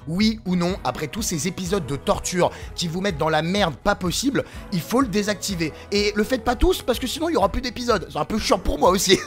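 A young man with a French accent, reading text messages for a comic video, joking and laughing often. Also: sits high. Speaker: YouTuber.

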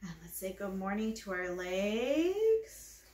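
A woman's voice: mid-range voice, sing-song, takes it slowly, a little mellow. A middle-aged woman leading a storytime for babies, giving simple, encouraging singsong instructions to little children and their parents. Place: living room, indoors. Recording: roomy indoor sound, some music.

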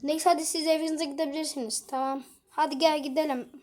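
Her voice sits high but level, with a darkish tone: a YouTuber woman doing every character in a homemade episode. The banter is casual and playful, with fast switches between voices.

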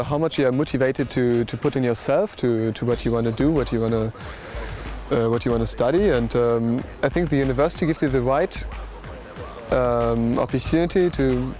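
A man's voice: medium pitch, a little mellow. A young man, a medical student, speaking hesitantly to camera in a library, with many restarts and ums. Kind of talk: promotional testimonial to camera. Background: faint background music.

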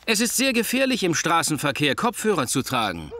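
Fireman Sam, high-voiced, lively, responsible hero. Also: a little fast, heavily acted. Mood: friendly, instructive. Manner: friendly, instructive. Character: kind, responsible adult fireman giving safety advice. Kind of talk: German cartoon dubbing.

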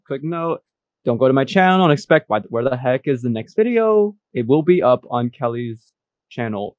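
A man's voice: a little high, a little mellow, no echo. A young man co-hosting a casual podcast, teasing his co-host with mock rants and laughing often.

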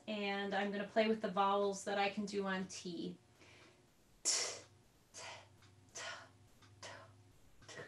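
A woman's voice: mid-range voice, distant mic. A woman teaching a group recorder lesson over a video call, explaining in a chatty way with little asides. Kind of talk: online group music lesson. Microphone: computer mic on a video call. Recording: roomy video-call audio from off-mic.

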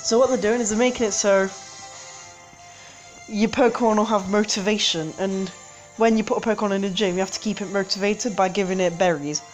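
Speaking at medium pitch with a steady tone and a fairly quick pace, a woman who hosts a game channel offers casual gameplay commentary from her home, with a street outside. She rambles, often hesitating and correcting herself, while soft music plays in the background.

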